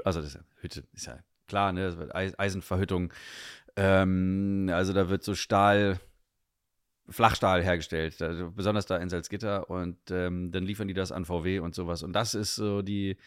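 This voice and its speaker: A man's voice: low voice, no echo, clean studio sound. A young man from northern Germany, a guest chatting casually in an interview, rambling with many fillers.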